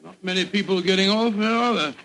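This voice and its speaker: Genial British doctor sidekick, creaky high voice, slightly blustering, vintage radio recording with light noise. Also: male voice, quick pace, fairly bright tone, low-quality recording. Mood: hearty. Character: genial, puzzled English doctor, detective's loyal friend. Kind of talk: 1940s radio acting.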